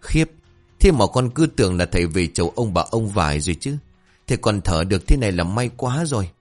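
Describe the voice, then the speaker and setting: A man's voice: fairly low pitch, big pitch swings, a little fast, faint music behind. A man voicing two foolish young male apprentices who plead and panic over their master. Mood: relieved.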